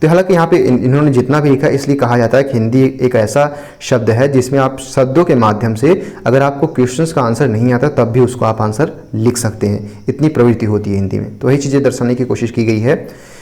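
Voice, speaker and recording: Male tutor, mid-pitched and mellow, patient and repetitive delivery. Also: brisk. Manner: explanatory, repeats points with frequent "ठीक है". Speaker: teacher. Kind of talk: explaining an exam answer copy.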